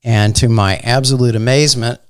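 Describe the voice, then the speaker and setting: A man with a Midwestern accent, a meteorologist guest telling stories in a casual, unhurried way with many fillers. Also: mid-range voice, fairly even intonation, clean tone, no room sound, studio quality. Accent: Midwestern American. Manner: soft-spoken, unhurried, fond of fillers. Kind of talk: casual interview storytelling.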